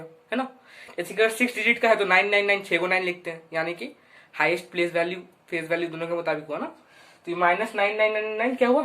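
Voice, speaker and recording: A woman teaching a maths lesson at a whiteboard in a chatty way, drawing out long strings of digits slowly and checking in with her students often. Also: mid-range voice, a bit bright. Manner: chatty, keeps checking in with "ठीक है" and "हाँ"; slows right down to spell out long strings of digits. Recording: roomy, voice from some distance.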